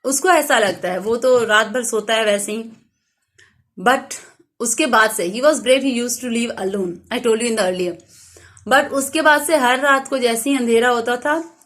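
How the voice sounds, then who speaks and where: A young woman teacher with a fairly bright voice on the high side retells and explains a story for her class. She mixes in English lines and pauses to gloss words.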